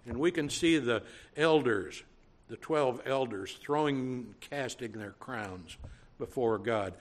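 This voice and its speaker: A man with a Cajun accent preaching a sermon, teaching in a measured way and driving points home through repetition. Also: mid-range voice, animated. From Louisiana.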